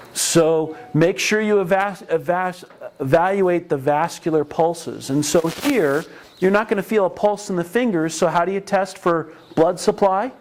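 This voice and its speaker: Man, middle-aged, slightly high voice, EMS instructor, classroom lecture, chatty and anecdotal. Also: darkish tone. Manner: conversational, anecdotal, with frequent restarts. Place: training classroom.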